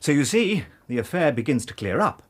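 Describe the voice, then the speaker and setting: A Victorian English police inspector in a radio drama. His voice is husky and swings freely in pitch. He is blunt, sceptical and rather pompous. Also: very animated, fairly quick. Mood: pompous, explanatory. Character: bluff, self-satisfied Victorian English police inspector, plain-minded and sceptical.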